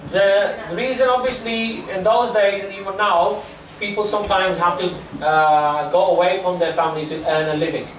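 Male kids' camp teacher, high voice, explanatory storytelling with tag questions, roomy distant sound with faint noise. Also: fairly even intonation, normal speed, a bit bright. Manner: explanatory, checks in often with "right?" and "okay?". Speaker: children's religious camp teacher. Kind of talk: storytelling lesson to children. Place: small indoor classroom full of seated children. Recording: distant, echoey room, faint background noise.

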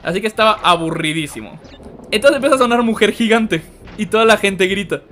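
A young man with a Mexican Spanish accent, telling funny stories and commenting on gameplay with loud, animated outbursts. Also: high voice, a little fast, a little hiss or hum. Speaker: gaming streamer. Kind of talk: comedic storytelling and gameplay commentary.

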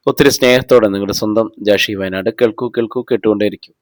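Man reading a thriller audiobook, even and measured, dry close mic, no room. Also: on the low side, dry recording. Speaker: storyteller. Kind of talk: audiobook novel narration.

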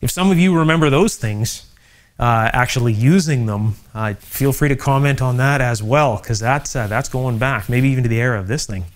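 A man's voice: medium pitch, moderate pace. Musing middle-aged man at a workbench. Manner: musing, thinks aloud with many fillers. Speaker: electronics channel host. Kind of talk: casual workbench demonstration. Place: home electronics workshop.

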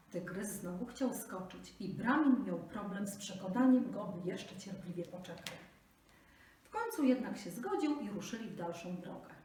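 A woman from Poland reading a fairy tale aloud in a slow, expressive storybook style. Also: medium pitch. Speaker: reader. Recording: echoey room, distant mic, faint noise.

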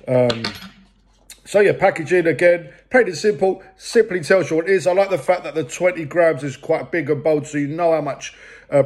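Guy in his 40s doing a chill food review at home, kinda high voice, lots of ums. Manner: chatty, full of ums and restarts. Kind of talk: casual product review.

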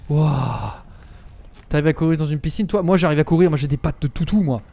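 A man's voice: fairly high pitch, a little fast, creaky, mellow. A young man streaming a game live, chatting to his viewers and bursting into dramatic yelps when scared. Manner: talks to viewers and game characters. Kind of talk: live gameplay commentary.

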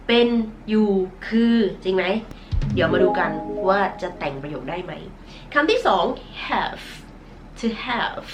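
A woman's voice: lowish voice, normal speed, music in the background. A woman from Thailand with a nasal voice, teaching English verbs in a recorded online lesson, stretching out model pronunciations patiently. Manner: self-conscious about her nasal voice.

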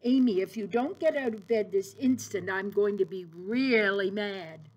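A woman's voice: medium pitch, unhurried, muffled recording, lightly acted. A woman voicing a stern, frustrated father in a picture book read-aloud. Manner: stern, firm.

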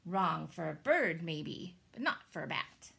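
Lady doing a bossy know-it-all bat for a storybook, loud n matter of fact, very animated pitch. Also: unhurried, gravelly, exaggerated voice. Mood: insistent.

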